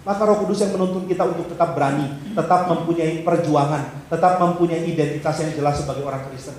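A man's voice: fairly high pitch, steady tone, fast, a little mellow. A male pastor preaching a humorous sermon, acting out small dialogues in changed voices. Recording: very echoey hall, faint background hiss.

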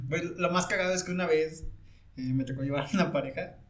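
A man with a slightly high voice and a Mexican accent speaks fairly quickly. He works as a private driver and tells anecdotes in casual conversation, animatedly acting out the voices of the people in his stories.

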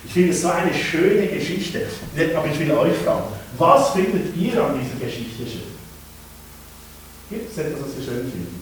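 A man preaching to children at a family service, telling a Bible story with lively acted-out voices. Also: on the high side, normal speed, slight background noise. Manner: animated storytelling, acting out shouts and hushes. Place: church. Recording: echoey church from far off.

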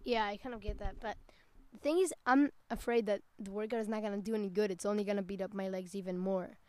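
A young woman co-hosting a casual podcast rambles in chat, using lots of "like" and stopping to correct herself. She speaks fast in a medium-pitched, darkish voice with a steady tone.

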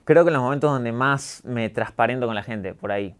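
A young man from Argentina with a neutralized Argentine accent, talking calmly and candidly as a guest in an interview. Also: mid-range voice, brisk, clear, resonant tone. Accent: neutralized Argentine Spanish. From Córdoba, Argentina. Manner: calm, reflective, candid. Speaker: guest, YouTuber. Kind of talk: casual interview talk.

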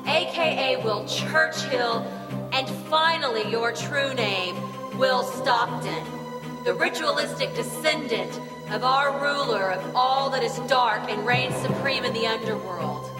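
A woman playing an evil sorceress sister in a film, delivering slow, theatrical villain monologue with grand menace. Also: on the high side, natural voice. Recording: echoey hall reverb under loud music.

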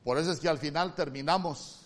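A male pastor with a Honduran accent preaching a sermon, moving from loud emphatic calls to soft, hushed lines. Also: a little high, a little fast. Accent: Honduran Spanish.

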